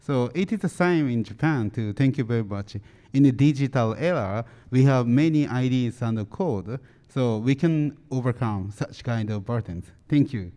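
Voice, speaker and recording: Mellow-voiced man moderating, hall reverb. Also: mid-range voice, lively intonation, normal speed. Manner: hesitant, plain phrasing. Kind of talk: symposium panel moderating.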